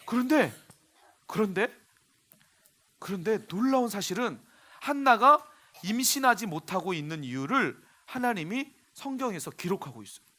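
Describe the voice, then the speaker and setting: A male pastor telling a sermon story for children, animated and often asking the audience questions. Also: high-pitched, moderate pace.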